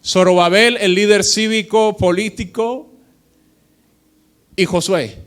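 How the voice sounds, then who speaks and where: A man's voice: high-pitched, fairly even intonation, a bit bright. A man preaching a sermon as pastor, reading scripture aloud and quizzing the congregation with call-and-response questions. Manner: slow, emphatic reading with drawn-out phrases.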